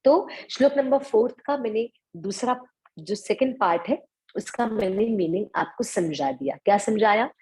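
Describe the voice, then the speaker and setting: A woman's voice: medium pitch, animated, moderate pace, darkish tone, slightly rough. A woman teaching Sanskrit verses in an online class, patiently breaking words apart, repeating lines and mixing English words into Hindi. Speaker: scripture teacher.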